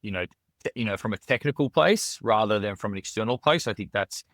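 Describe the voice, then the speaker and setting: A man's voice: on the low side, animated, a little fast, a bit bright, no room sound, studio quality. A man with an Australian accent, a restaurant founder speaking as a guest in a casual podcast interview, earnest and full of "you know" fillers and restarts. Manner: earnest, with frequent fillers and repeated words.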